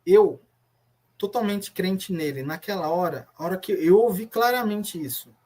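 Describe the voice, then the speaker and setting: A man's voice: sits high, moderate pace, darkish tone. Brazilian man giving earnest testimony. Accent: Brazilian Portuguese. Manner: earnest, reflective, retelling memories with many restarts. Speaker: former church member giving testimony. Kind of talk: personal testimony in an interview.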